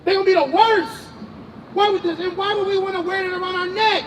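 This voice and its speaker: A man's voice: very high-pitched, steady tone, fairly quick, distant mic, background noise. A man street preaching, emphatic and slangy, calling on a reader and questioning the crowd outdoors.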